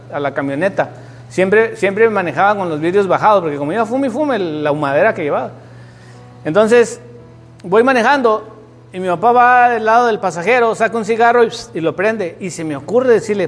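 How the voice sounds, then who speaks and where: A man's voice: high-pitched, long reverb tail. A man preaching a sermon, telling stories and asking the congregation questions with rising emphasis. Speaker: pastor.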